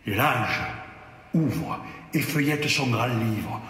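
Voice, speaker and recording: Male storyteller, theatrical first-person reading; slow pace, big echoing room. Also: medium pitch. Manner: expressive, theatrical. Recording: echoey hall.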